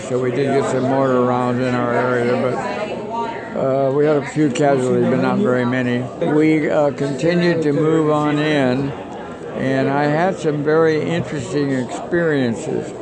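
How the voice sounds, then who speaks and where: A man in his nineties, a war veteran, recalling his experiences in a plain-spoken, halting way. The interview was captured as a low-quality field recording. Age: 90s. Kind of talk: oral history recollection. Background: crowd chatter.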